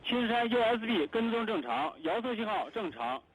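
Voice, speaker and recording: A man's voice: sits high, big pitch swings, normal speed, slight background noise, low-quality recording. A man working as a launch control dispatcher, giving clipped, formal mission control radio callouts. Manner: clipped formal procedural announcements.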